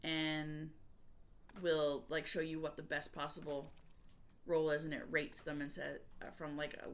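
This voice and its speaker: A woman's voice: low-pitched, monotone, measured pace. A woman game streamer chatting casually with viewers and explaining things in a conversational way. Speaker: variety gamer and streamer.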